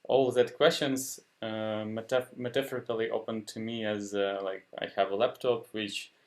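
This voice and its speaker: A man, a native Ukrainian speaker with a Ukrainian accent, talks in a casual discussion in a fairly low, level voice. He speaks haltingly, often pausing to hunt for words.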